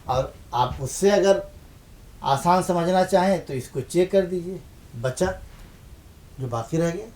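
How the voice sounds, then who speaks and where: A man's voice: high voice, long pauses, a little mellow. A man teaching the Urdu script in a lesson, patiently asking questions and answering them himself, repeating points for emphasis. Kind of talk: televised language lesson.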